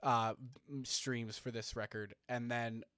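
A man's voice: medium pitch, little pitch movement, measured pace, a bit bright, clear, resonant tone, dry recording. Guy rambling through stats on a podcast, lots of uhs, dry close sound. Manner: rambling, many fillers and restarts, reading numbers. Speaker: podcast co-host. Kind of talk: casual chat.

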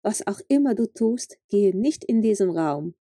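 A rich, menacing storybook husband, as a woman narrator reads him gives slow, measured commands. The voice is mellow and warm, and the recording is close and dry. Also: medium pitch, lively intonation, no room sound. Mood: stern. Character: Bluebeard, rich menacing grown man. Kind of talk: storybook reading.

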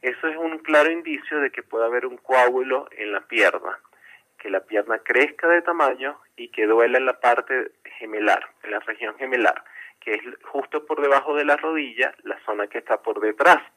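A man, a doctor, patiently explaining things on a radio interview and repeating points to make them clear. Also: mid-range voice, normal speed, pushed and bright, rough recording. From not from Chile. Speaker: medical doctor guest.

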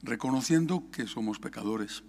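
A man, a priest leading Mass prayers in a solemn, measured recitation. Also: mid-range voice, lively intonation, gravelly, a little mellow.

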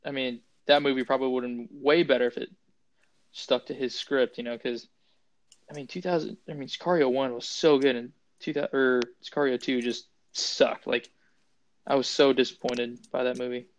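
A man's voice: mid-range voice, fairly even intonation, normal speed. A man co-hosting a podcast, giving blunt, opinionated takes on movies and swearing casually. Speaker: podcast co-host.

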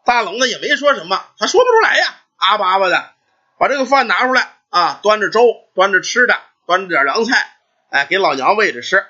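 Brief: male folk storyteller, high animated husky voice, dull lo-fi recording. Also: fairly quick. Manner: lively, chatty storytelling with fillers and asides.

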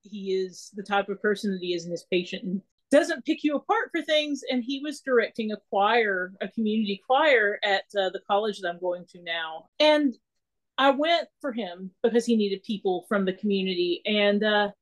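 A woman guest in a casual interview, telling her story in an animated way and acting out what people said. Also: medium pitch, moderate pace. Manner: animated storyteller who acts out quoted dialogue. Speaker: podcast guest.

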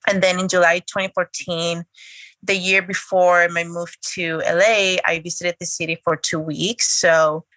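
A woman's voice: on the low side, little pitch movement, measured pace, a bit bright, no room sound. A woman, talking chattily as a podcast guest. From Spain. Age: late 20s. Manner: chatty, eager storytelling. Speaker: guest, blogger. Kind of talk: casual interview talk.

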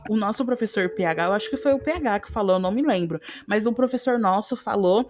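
A woman with a Brazilian Portuguese accent hosting a podcast, explaining in a casual, animated way and often correcting herself mid-sentence. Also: medium pitch, fast talker. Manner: animated, self-correcting, acts out quotes. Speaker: podcast host.

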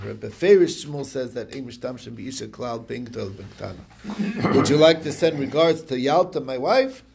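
A man's voice: mid-range voice, creaky, darkish tone. A man casually retelling a Talmud story in quoted back-and-forth dialogue, with fillers and restarts. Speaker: Talmud study reviewer.

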